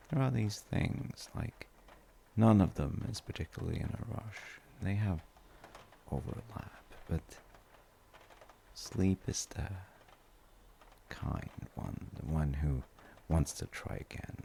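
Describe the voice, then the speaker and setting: In this heavily acted sleep-aid roleplay, a man plays a gentle father soothing his weary adult child, his low, gravelly voice musing along in unhurried, halting rambles that trail off softly. A little hiss or hum sits under the audio.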